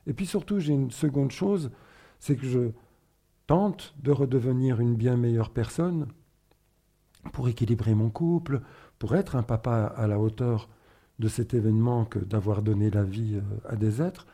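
A middle-aged man from northern Spain, a guest in an interview, speaking reflectively and haltingly with fillers and restarts. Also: medium pitch, mellow, husky. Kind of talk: personal testimony interview.

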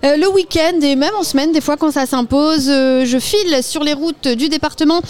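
A woman's voice: high-pitched, moderate pace, a little mellow, a little hiss or hum. A woman hosting a local radio show, chatting with guests at an association fair in a community hall. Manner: chatty, friendly, lots of fillers. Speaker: radio host. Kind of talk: live radio interview.

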